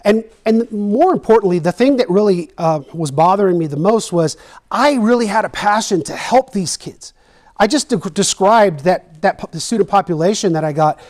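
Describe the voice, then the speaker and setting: A man's voice: high-pitched, animated, moderate pace, a little mellow. A middle-aged man from Texas, an educator telling a personal story in a presentation, earnest and emotional, repeating phrases for emphasis.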